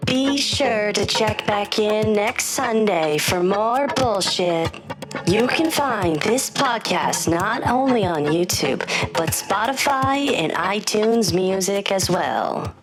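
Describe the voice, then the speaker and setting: A man voicing a sexy female robot announcer, his voice pitch shifted up to sound like a woman, reading slow sign-off announcements. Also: expressive, music in the background. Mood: teasing.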